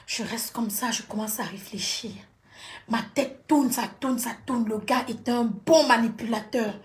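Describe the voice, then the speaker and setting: High-voiced woman telling her story. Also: unhurried. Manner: dramatic, repetitive, addresses her audience directly. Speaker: storyteller on a livestream. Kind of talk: emotional personal storytelling.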